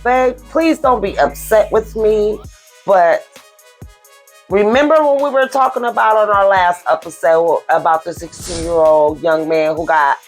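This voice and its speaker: A woman's voice: medium pitch, unhurried, faint music behind. A woman co-hosting a podcast, talking in an easygoing, plain-spoken way and laughing often. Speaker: podcast co-host. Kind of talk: casual chat.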